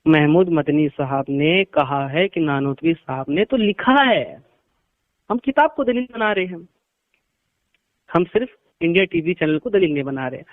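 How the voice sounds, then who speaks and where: A man's voice: on the high side, animated, unhurried, no room sound. A man, a cleric, arguing in a heated phone debate, cutting in and repeating his phrases insistently. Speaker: Sunni cleric debating a caller. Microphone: phone call. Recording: tinny phone line.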